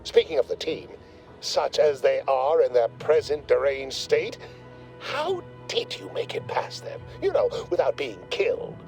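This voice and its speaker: A pompous, lively corporate lab visionary. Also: male voice, mid-range voice, a little slow, faint music behind, low-quality recording. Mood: smug. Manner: verbose, condescending corporate jargon. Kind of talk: video game dialogue.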